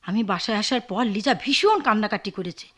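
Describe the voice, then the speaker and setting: An actress playing a sharp-tongued, wealthy older sister who scolds her brother, in a television drama. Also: sing-song, fast talker. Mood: complaining. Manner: scolding, shrill.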